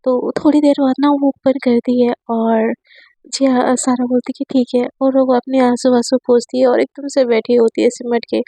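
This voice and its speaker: Chatty woman storyteller, high voice. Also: level tone, moderate pace, dark tone, dry recording. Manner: chatty, uses fillers like "na" and "to". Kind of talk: casual spoken story retelling.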